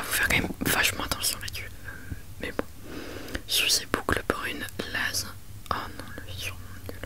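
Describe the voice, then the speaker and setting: Woman, hushed library whisper, ASMR book presentation, rambling, self-mocking. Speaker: ASMR video creator.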